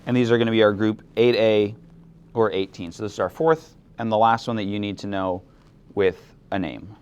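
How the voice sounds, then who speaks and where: A young man teaching a chemistry class, explaining things in a relaxed way and asking students questions. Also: lowish voice, normal speed, clear, resonant tone, dull audio. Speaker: chemistry instructor. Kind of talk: classroom lecture.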